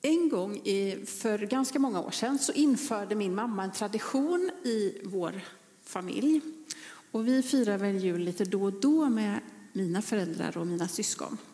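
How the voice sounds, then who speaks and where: A woman preacher telling a story in a sermon, gentle and often dropping to a whisper. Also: medium pitch. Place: church. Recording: long church reverb.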